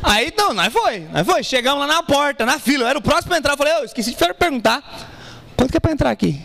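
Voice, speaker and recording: High-voiced, fast-talking comedian man. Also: gravelly. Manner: animated, profane, acts out both sides of dialogue. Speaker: stand-up comedian. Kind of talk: stand-up storytelling. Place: small café stage with live audience.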